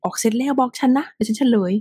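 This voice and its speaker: A woman's voice: fairly high pitch, fairly even intonation, very fast, mellow, husky, dry recording. A woman teaching English pronunciation, repeating phrases over and over, often half-whispered, and teasing her students directly.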